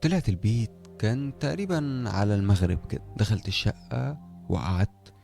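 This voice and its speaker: A young man with an Egyptian accent narrating a first-person horror story in a lively, conversational way. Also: on the low side, fairly quick, creaky, faint music behind. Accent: Egyptian Arabic. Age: young adult.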